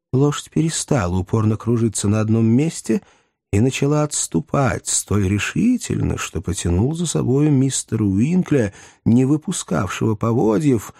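Animated male audiobook narrator. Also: creaky, no echo, clean studio sound. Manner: expressive, animated storytelling with wide pitch swings. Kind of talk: scripted narration of a classic novel.

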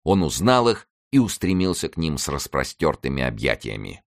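A man narrating an audiobook with an expressive, theatrical reading. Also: very deep voice, moderate pace, no echo, clean studio sound.

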